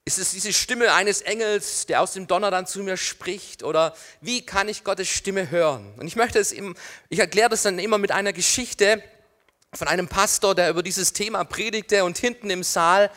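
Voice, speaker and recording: Preaching a sermon at normal speed, this middle-aged pastor has a voice that sits high. His delivery moves between loud calls and hushed near-whispers, and he addresses questions straight to the congregation.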